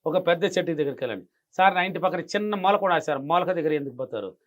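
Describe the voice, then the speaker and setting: A man's voice: a little high, animated, very fast. A man giving emphatic money-affirmation advice in an interview, repeating his key phrases. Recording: dull lo-fi sound.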